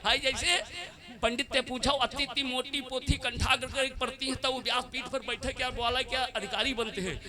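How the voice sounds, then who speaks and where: A man's voice: very high voice, steady tone, moderate pace, crowd noise. A man preaching a devotional story, acting out characters and quizzing his listeners. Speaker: Bhagavat katha preacher. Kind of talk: live devotional discourse with chanting. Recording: live event with music behind. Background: music.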